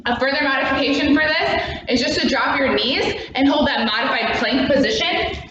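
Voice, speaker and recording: A woman's voice: sits high, moderate pace, fairly bright tone. A woman leading a workout as an aerobics instructor, demonstrating exercises and counting down in short, encouraging cues. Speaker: fitness class instructor. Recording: echoey room, distant mic, muffled, noisy.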